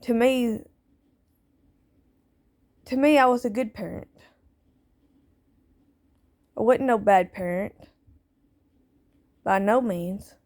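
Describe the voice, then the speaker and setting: A woman's voice: on the high side, slow pace, pauses often, darkish tone. A woman speaking out as a parent in a personal monologue, plaintive and aggrieved, repeating herself with nonstandard grammar. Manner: plaintive, aggrieved, repetitive phrasing.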